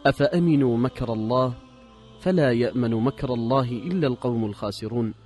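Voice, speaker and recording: Earnest male preacher, even-voiced. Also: medium pitch, faint music behind. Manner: measured, earnest exhortation. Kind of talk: sermon.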